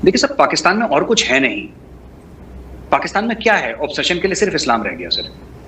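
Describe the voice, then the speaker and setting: Appearing as a guest to answer a host on politics, a man delivers emphatic commentary packed with rhetorical questions and repeated lists. His slightly high voice swoops wildly in pitch, brisk, pushed and bright, against a clearly noisy background.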